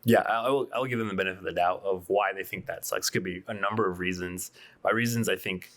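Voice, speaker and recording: A man's voice: sits low, steady tone, quick pace, fairly bright tone. A man, a coffee shop co-owner, talking casually as a podcast guest and working through his reasoning with fillers.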